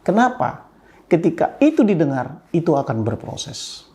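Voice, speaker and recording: Older man telling a story. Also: unhurried. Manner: animated retelling with pitch jumps and chuckles. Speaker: speaker addressing an audience. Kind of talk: storytelling talk.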